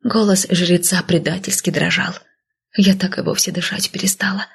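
A woman narrating a first-person fantasy audiobook in a soft, hushed, intimate reading. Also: lowish voice, steady tone, normal speed, vocal fry, slightly rough.

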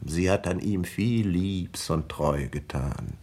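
An actor playing Mephistopheles, a sly and mocking devilish tempter, in a 1950s German radio drama with theatrical, wheedling delivery. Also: male voice, slow pace. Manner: theatrical, wheedling, lively swings in pitch.

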